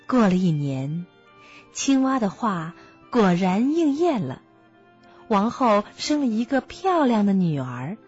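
Woman storyteller, slow storybook read, breathy, music bed. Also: mid-range voice, big pitch swings. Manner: gentle storybook reading. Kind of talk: reading a fairy tale for children. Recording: muffled, dry, soft music behind.

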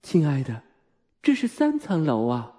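A man voicing a gentle, puzzled young mother who speaks tenderly and questioningly. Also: on the high side, wildly swooping pitch, a little slow.

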